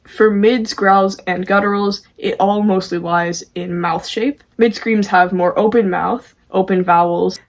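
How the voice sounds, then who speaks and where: A woman's voice: mid-range voice, steady tone, measured pace, few pauses. A woman presenting a tutorial casually, with an informal, self-deprecating way of talking. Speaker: amateur vocalist presenting a tutorial.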